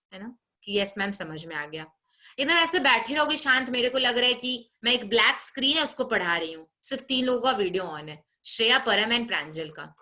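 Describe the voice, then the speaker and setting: Bright-voiced woman teacher scolding online class. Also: fairly high pitch. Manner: scolding, brisk, frequent tag questions. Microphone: video call.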